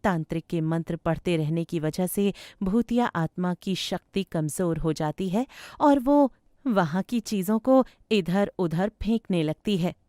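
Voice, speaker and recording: Slow, expressive woman storyteller. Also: lowish voice, dry recording, clean studio sound. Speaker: narrator. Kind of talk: scripted cartoon narration.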